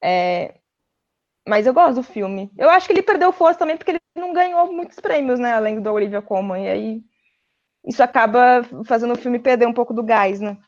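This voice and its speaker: A woman's voice: fairly high pitch, lively intonation, brisk. Brazilian woman with lo-fi, muffled sound. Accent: Brazilian Portuguese. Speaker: panelist. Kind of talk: casual roundtable chat. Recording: dull lo-fi audio.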